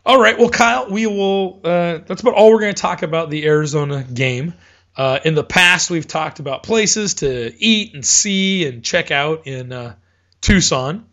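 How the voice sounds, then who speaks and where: A man's voice: a little high, moderate pace, a bit bright, muffled recording. A man hosting a casual sports chat, rambling and correcting himself as he talks, with hiccups. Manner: rambling, self-correcting, chatty. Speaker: podcast host.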